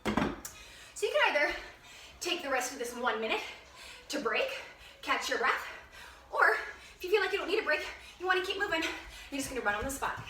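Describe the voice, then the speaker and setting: A woman's voice: sits high, big pitch swings, a little fast, pauses often, background noise. Upbeat female fitness instructor, breathless mid-workout, recorded at a distance in an echoey room. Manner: upbeat, encouraging, panting between cues. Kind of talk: workout instruction, counting reps. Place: room at home.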